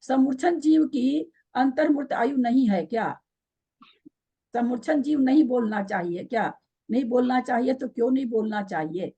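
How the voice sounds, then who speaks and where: A woman's voice: fairly high pitch, normal speed, mellow, husky, dull audio. A woman teaching a scripture class online, questioning her students and patiently explaining by repeating the key terms.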